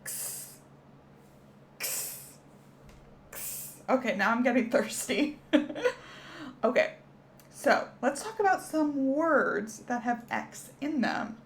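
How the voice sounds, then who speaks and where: Casting: high, slow-paced female children's teacher, cheerful, faint hiss behind. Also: expressive. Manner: cheerful, encouraging, speaks to children. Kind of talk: children's educational lesson.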